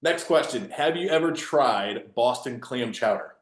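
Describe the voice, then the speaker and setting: A man's voice: mid-range voice, a little slow. Young man, student podcast host, casual, joking, echoey room. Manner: relaxed, joking, filler-heavy. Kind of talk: casual interview chat.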